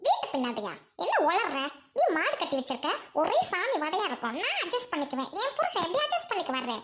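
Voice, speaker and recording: Brief: woman plays snooty rich sister, high, sneering, whiny, village family skit. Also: wildly swooping pitch, fast, fairly bright tone, slight background noise, exaggerated voice. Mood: scornful. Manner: scornful, mocking, whiny. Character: haughty rich young woman snubbing her poor brother.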